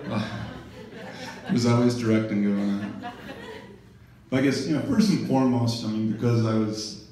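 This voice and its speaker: Speaking at a memorial in a large event room, a middle-aged man wanders through his remarks with wry jokes and frequent "you know"s. His voice is medium-pitched, dark and moderately paced, heard through a distant mic in a very echoey space.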